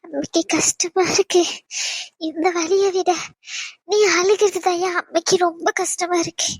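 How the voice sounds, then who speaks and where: This is a frail elderly mother near death in an animated drama, with a woman doing the voice. The voice sits very high and thin, soft and weak, and keeps running out of breath. It is recorded dry and close. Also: a little slow, no echo. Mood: soothing. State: short of breath.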